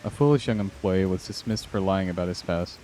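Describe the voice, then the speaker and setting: A man's voice: low-pitched, brisk, warm tone, a little hiss or hum, close to an everyday voice. A man voicing a haughty, self-important employer from a fantasy game, reading out formal lines in a pompous manner.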